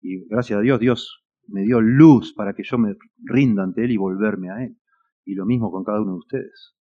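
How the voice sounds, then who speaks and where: A man with a Rioplatense Spanish accent preaching a sermon, earnest and emphatic, his voice swelling and dropping in loudness. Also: fairly low pitch, normal speed. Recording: dull lo-fi recording.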